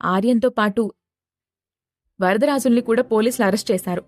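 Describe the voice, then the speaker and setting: A woman's voice: on the high side, brisk, a little mellow, dry recording, studio quality, close to an everyday voice. A woman voicing a respectful male assistant who reports news to his boss politely. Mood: reporting.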